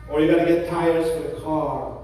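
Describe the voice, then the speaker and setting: A man's voice: a little high, fairly even intonation, moderate pace, mellow. A man, an imam, giving a Friday sermon in a mosque, talking in a practical, conversational way with frequent restarts. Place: large mosque prayer hall. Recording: echoey hall from far off.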